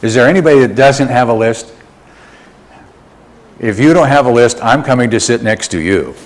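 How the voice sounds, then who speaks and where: A man preaching a sermon as a minister in a church sanctuary, animated and leading the congregation in call and response. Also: mid-range voice, normal speed.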